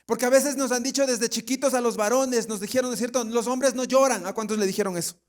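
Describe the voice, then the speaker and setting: A man's voice: very high-pitched, steady tone, fast talker. A pastor with an Ecuadorian accent preaching a sermon, asking the congregation questions and now and then acting out the people he quotes. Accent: Ecuadorian Spanish. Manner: jokes, laughs, mimics people he quotes.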